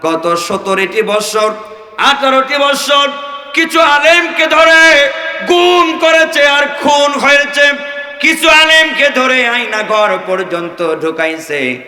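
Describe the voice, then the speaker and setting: Male preacher: high-pitched, bright, slow and chanting, heard in a roomy echoing hall. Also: animated. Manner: chanting sermon, swings from shouts to low singsong. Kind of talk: sermon to a crowd. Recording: echoey hall from far off.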